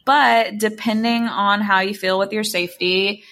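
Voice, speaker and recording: A woman's voice: medium pitch, fairly even intonation, measured pace, fairly bright tone. A woman chatting casually and unscripted as a podcast co-host, giving advice in a frank, slangy, sometimes profane way.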